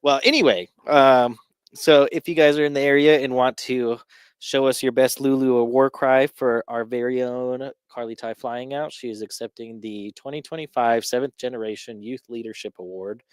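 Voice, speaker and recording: Casting: relaxed male co-host, mid-pitched, dry close sound, easygoing delivery. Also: moderate pace, clear, resonant tone, dry recording. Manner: relaxed, joking, reads listener messages. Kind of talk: casual chat and announcements.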